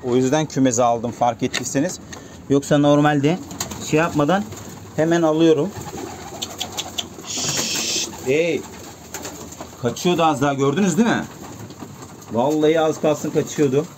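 A man's voice: on the high side, unhurried, long pauses, darkish tone, a little hiss or hum. A man at his pigeon coop, talking casually to his viewers and calling to his birds over and over. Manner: coaxing birds with repeated calls. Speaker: pigeon keeper vlogger. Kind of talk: casual vlog talk to viewers. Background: cooing pigeons.

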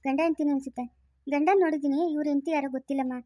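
A woman's voice: high voice, steady tone, rapid-fire, mellow, dry recording, clean studio sound, close to an everyday voice. A woman playing a firm but kind policewoman who talks sternly and comforts like an elder sister in a family moral drama.

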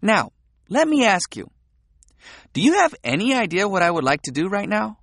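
A man's voice: sits high, normal speed, no room sound, studio quality, pitched above the performer's own voice, exaggerated voice. A man reading an audiobook, voicing a frank, playful young woman who teases and provokes. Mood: eager. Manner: teasing, provocative, animated.

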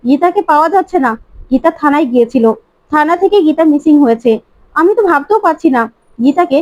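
A woman's voice: high voice, animated, fast talker, darkish tone, no room sound. A woman voicing a scheming, obsessive young woman who keeps repeating her demands. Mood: tearful. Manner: insistent, repeating herself. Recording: slightly muffled dry recording.

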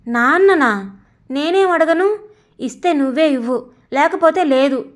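A woman with a high, near-everyday voice reads a storybook at a moderate pace, playing a stubborn, resentful teenage son. She makes him sulky and defiant, talking back with sarcasm.

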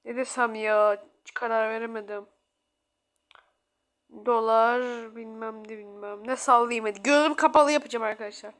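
A woman's voice: a little high, steady tone, normal speed, a bit bright. A young woman commentating a life simulation game, chatting casually and complaining in an exasperated, joking way. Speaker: gaming channel host.

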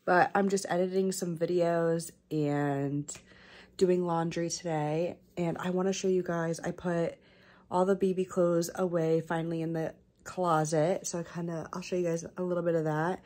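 A woman in her twenties with an American accent vlogs at home on a handheld camera, chatting casually to her viewers as she moves between the kitchen and living room. Her voice sits on the low side and sounds a little mellow, with a level tone and normal pace. Household background noise is clearly audible in the recording.

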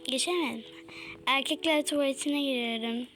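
High-pitched chatty gamer woman. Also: moderate pace, fairly bright tone, faint music behind. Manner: chatty, exclaiming, talks to viewers. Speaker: gaming YouTuber. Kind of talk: casual let's-play commentary.

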